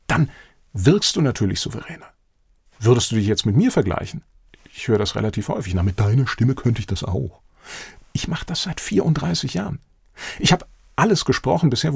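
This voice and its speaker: A man in his fifties coaching the listener head-on, his pitch swinging widely as he makes each point. His voice is gravelly and a touch husky, and it sits in a dry, close space with no room sound. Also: dry recording. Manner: direct, animated, addresses listener as "du".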